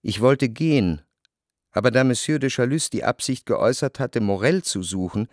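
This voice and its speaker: In a radio play, a male actor voices a reflective first-person literary narrator, measured and introspective. His mid-range voice sounds natural, with music in the background.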